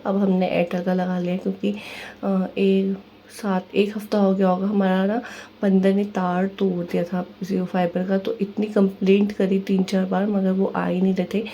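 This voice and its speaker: A woman in her thirties talks through her housework in a quiet, hushed voice. Her tone is mellow, her delivery flat and meandering, and a faint household ambience sits under her. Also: mid-range voice, a little hiss or hum. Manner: soft, hushed, rambling with restarts. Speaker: housewife vlogger. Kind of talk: casual kitchen vlog voice-over.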